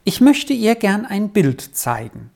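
A woman doing a gentle, earnest young boy. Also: medium pitch, big pitch swings, takes it slowly, vocal fry, full character voice. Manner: gentle and reassuring.

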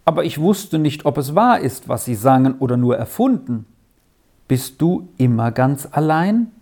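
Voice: mid-range voice, lively intonation, moderate pace, a little mellow. A storyteller voicing a shy, timid little girl in a children's storybook, with a lifted young-sounding voice. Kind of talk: storybook reading.

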